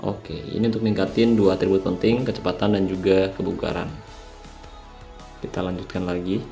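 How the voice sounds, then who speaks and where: A young man hosting a mobile game channel talks through a strategy in a relaxed voice-over, greeting viewers as "guys" while sounding sleepy late at night. His voice is deep, gravelly, dark, and slightly nasal, with a level tone at a normal speed, and soft music plays underneath.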